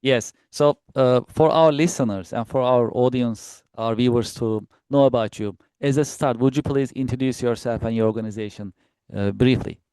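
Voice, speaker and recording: A man's voice: medium pitch, moderate pace, dark tone, smooth, no echo. A man hosting a podcast interview, politely thanking his guest and hesitating with frequent uhs. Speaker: podcast host.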